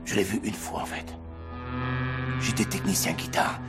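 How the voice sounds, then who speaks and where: A man voicing a secretive music-shop clerk in a French film dub, talking in a hushed, conspiratorial way. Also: lowish voice, normal speed, close to an everyday voice. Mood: storytelling.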